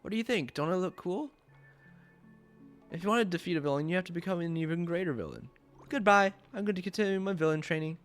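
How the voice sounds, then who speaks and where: A man puts on a self-important game villain, pitched up and full of theatrical pomp. He boasts gleefully, with music faintly behind. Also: lively intonation, quick pace. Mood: gleeful boasting. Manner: pompous, theatrical. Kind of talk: video game character dialogue.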